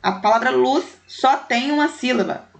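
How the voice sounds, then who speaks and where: A woman's voice: sits high, moderate pace, vocal fry, slight background noise. A woman teacher, taking young pupils through a primary school language exercise and counting syllables and letters aloud with affectionate diminutives.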